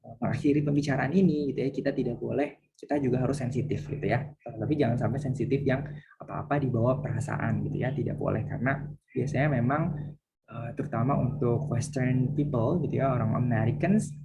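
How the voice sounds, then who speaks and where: A man's voice: medium pitch, a little fast, gravelly, dark tone, lo-fi sound. A man lecturing university students, explaining patiently and acting out example phrases.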